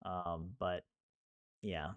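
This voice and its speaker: Speaking extremely slowly in a deep, clean-toned voice with little pitch movement, a young man streams his study session and chats casually with viewers. He jokes, laughs and rambles with many restarts. There's no echo, though the sound is lo-fi.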